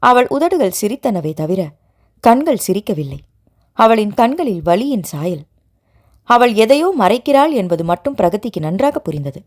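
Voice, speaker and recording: A woman narrating a family novel in a steady storytelling reading. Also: medium pitch, normal speed. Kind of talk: scripted narration.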